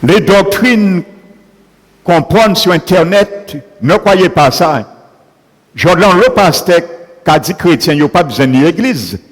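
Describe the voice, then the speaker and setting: A man's voice: on the high side, breathy edge. A man preaching a sermon, punctuating his points with repeated calls of alleluia. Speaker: pastor. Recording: long hall reverb.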